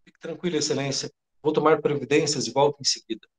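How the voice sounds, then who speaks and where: A man's voice: fairly high pitch, steady tone, quick pace, lightly acted. A man with a Brazilian Portuguese accent reading the part of a flustered young government aide who stays anxiously polite to his superior. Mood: nervous. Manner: anxious, overly polite and servile.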